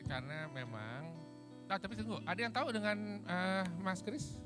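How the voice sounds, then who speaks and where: Male event host, high pitch, informal stage talk, repeated rallying phrases, guitar music clearly behind. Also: very animated, moderate pace. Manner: repeats phrases, rallies the audience.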